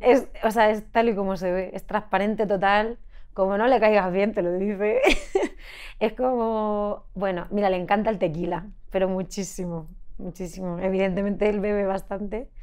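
A young woman from Spain, a singer being interviewed on a podcast, telling stories in an animated, laughing way. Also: medium pitch, normal speed, clear, resonant tone. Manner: animated storytelling with frequent laughter. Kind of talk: casual interview chat.

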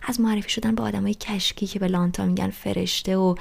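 A woman voicing a restless teenage boy who rants loudly about everything in an audiobook reading. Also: mid-range voice, steady tone, gravelly. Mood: exasperated. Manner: loud, rushed, ranting complaints.

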